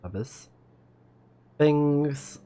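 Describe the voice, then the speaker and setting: This livestreamer talks very slowly in a warm, mid-range voice, offering casual remarks, quiet reactions, and readings of on-screen text. Game music fills the background.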